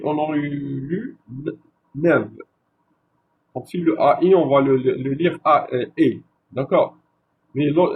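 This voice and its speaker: A male university lecturer giving a classroom lecture, slow and repetitive, checking with his listeners after each point. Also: on the high side, a little hiss or hum, rough recording. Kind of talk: classroom lecture on French spelling.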